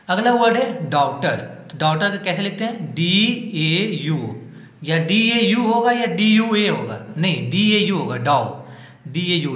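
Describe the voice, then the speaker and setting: A man's voice: sits high, a bit bright, reverberant. A male teacher giving an exam-prep spelling lesson, spelling words letter by letter and asking the class questions that he then answers himself.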